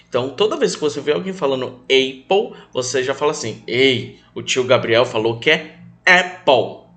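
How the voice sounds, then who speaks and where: A young Brazilian man teaching English to children online, calling his pupils affectionate names and drilling new words slowly for them to repeat. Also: fairly high pitch, pushed and bright. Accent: Brazilian Portuguese. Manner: affectionate, calls pupils "meus amores", speaks of himself as "tio".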